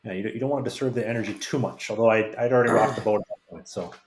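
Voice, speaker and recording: Man, podcast guest, casual rambling anecdotes, rapid talk, echoey room sound. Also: lowish voice, a little hiss or hum. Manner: rambling, frank anecdotes with many restarts. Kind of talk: casual storytelling. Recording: roomy echo.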